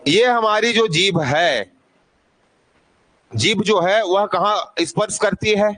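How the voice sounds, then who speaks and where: A man's voice: high-pitched, slow pace, fairly bright tone, rough recording. A male teacher giving a classroom lesson, quizzing his students over and over and prompting them to answer aloud.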